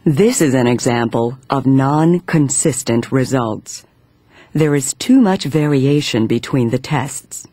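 A man's voice: medium pitch, mellow, no room sound. Man narrating instructions in dry studio sound. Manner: measured, step-by-step.

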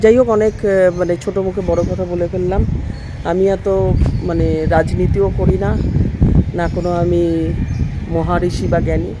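A woman's voice: lowish voice, fairly even intonation, normal speed, long pauses, heavy background noise. A woman talking casually in a vlog on a rooftop. She is earnest and chatty, and often restarts her sentences. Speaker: vlogger. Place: rooftop, outdoors.

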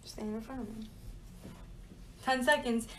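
A woman's voice: on the high side, fairly even intonation, a little slow, fairly bright tone. A young woman talking in a playful, casual way for a challenge video, giggly and teasing.

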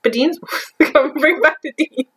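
A woman's voice: high-pitched, a little slow, a bit bright. A young woman co-hosting a music reaction video, chatting casually and laughing often. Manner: chatty, laughing, full of likes. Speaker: reaction channel co-host.

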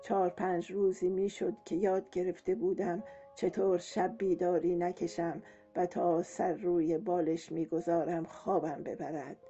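Woman audiobook narrator, mellow warm voice, calm steady reading, dull lo-fi sound, faint music underneath. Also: on the low side. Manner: calm, steady first-person storytelling. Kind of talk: scripted novel narration.

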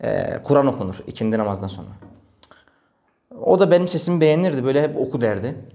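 A man's voice: mid-range voice, fast talker. A male preacher telling a story in a religious talk, acting out the dialogue. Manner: animated, acts out quoted dialogue.

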